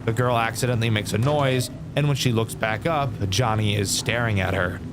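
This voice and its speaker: A man's voice: mid-range voice, moderate pace, noisy background. A young man giving casual game review commentary as a YouTuber, candid and swearing freely. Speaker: gaming YouTuber.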